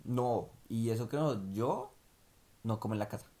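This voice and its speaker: A young man, co-hosting a vlog in relaxed, rambling casual chat full of fillers. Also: mid-range voice, moderate pace. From Colombia. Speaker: vlog co-host.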